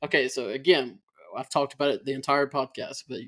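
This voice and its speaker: A man's voice: mid-range voice, fairly even intonation, brisk, sharp tone. A man co-hosting a casual movie podcast, rambling, laughing often and losing his train of thought. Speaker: podcast co-host.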